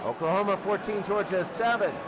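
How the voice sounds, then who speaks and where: Brisk and high-pitched, a male play-by-play announcer calls American football informally, radio-style, thinking aloud throughout. His commentary sits over a loud stadium crowd roar and background noise.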